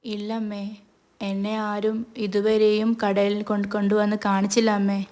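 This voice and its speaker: A woman voicing an excited little girl in a spoken serial recap, in an even, flat voice. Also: mid-range voice, unhurried, lightly acted. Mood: eager.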